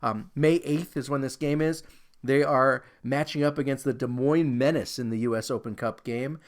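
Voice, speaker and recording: A man's voice: mid-range voice, moderate pace. A man co-hosting a casual soccer podcast, joking and swearing freely. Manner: joking, profane, lively. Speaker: podcast co-host. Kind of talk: casual sports podcast chat.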